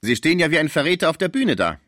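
A man voicing a proud, poor male theater servant who talks in a raised, high-pitched, emphatic way. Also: big pitch swings, very fast, fairly bright tone, no echo, clean studio sound. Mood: mocking.

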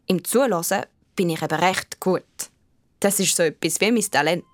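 A female performer with a lowish voice plays a thoughtful young girl narrating her own story in a radio play, speaking with a Swiss German accent. The mood is reflective, the acting light, the pace moderate, and there is no echo.

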